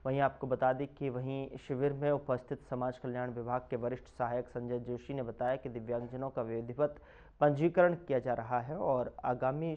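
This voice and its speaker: A man reading regional news reports in a punchy, emphatic voice-over style. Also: mid-range voice. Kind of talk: scripted news narration. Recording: slightly muffled lo-fi audio.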